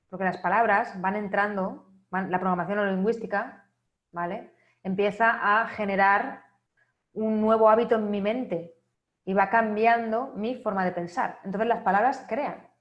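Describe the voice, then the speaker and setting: A woman delivers a motivational talk at a middle pitch for her sex. She poses question after question and keeps checking in with her listeners. Her voice rings in a roomy, echoing space. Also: steady tone, moderate pace, muffled recording. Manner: asks many rhetorical questions, often ends with a checking "¿vale?". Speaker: speaker at an online wellness congress. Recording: echoey room.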